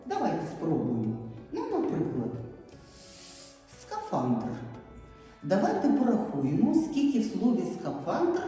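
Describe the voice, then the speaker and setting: A woman preschool teacher leading a children's syllable lesson, speaking slowly in an encouraging, sing-song way. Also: mid-range voice, huge pitch swings. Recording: echoey hall, distant mic, soft music.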